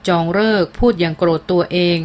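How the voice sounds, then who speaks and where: A woman narrating a novel aloud in a measured, steady reading voice. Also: on the low side. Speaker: audiobook narrator.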